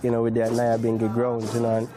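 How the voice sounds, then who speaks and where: A man's voice: medium pitch, monotone, quick pace, noisy background. A man chatting casually in an interview with loose, repetitive phrasing. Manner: repetitive phrasing with frequent 'you know'.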